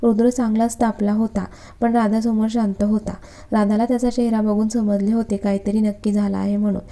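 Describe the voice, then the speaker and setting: Dark-toned woman reading a story. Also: mid-range voice, fairly quick. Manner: calm, even reading. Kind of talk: scripted narration.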